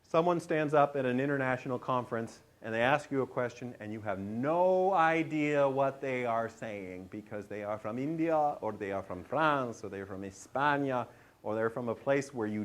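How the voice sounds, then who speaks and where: Middle-aged male lecturer, lively, questions the audience, medium pitch. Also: moderate pace. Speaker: presentation skills teacher. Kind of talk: classroom lecture.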